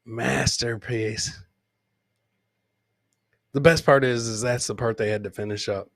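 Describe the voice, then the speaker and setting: This podcast host has a gravelly mid-range voice with a steady tone and measured pace, recorded with no echo. Hosting a live comedy show, he comments informally on clips and repeats his lines the way a showman would.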